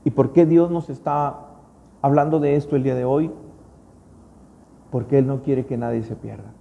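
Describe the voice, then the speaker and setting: Mexican pastor preaching in a reverberant hall. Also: male voice, medium pitch, fairly even intonation, normal speed, vocal fry, highs cut off. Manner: storytelling preacher, rising to emphatic peaks. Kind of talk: sermon. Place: church. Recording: long church-hall reverb.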